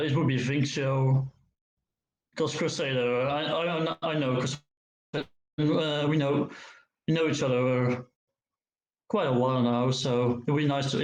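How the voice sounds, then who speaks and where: A man, an esports player, answering post-match interview questions over a call, his voice echoing as if in a cave, halting and repeating words. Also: fairly high pitch, darkish tone. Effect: echoey cave-like sound on his voice. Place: living room. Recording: roomy echo over an online call.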